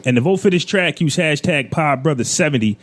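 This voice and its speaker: A man's voice: fairly high pitch, lively intonation, brisk, slight background noise. A man hosting a casual podcast, announcing segments in an upbeat way. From Trenton, New Jersey. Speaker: podcast host.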